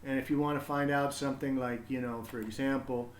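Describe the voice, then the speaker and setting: A man talks casually on a livestream where he reads to children, rambling as he thinks aloud. His mid-range voice is brisk with little pitch movement, and the roomy, echoing sound carries slight background noise.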